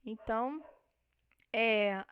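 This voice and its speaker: A woman's voice: a little high, very slow, clean tone, no room sound, muffled recording. A woman from Brazil teaching a recorded linguistics lesson, explaining step by step and often checking in with short tag questions. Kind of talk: recorded online lecture on linguistics.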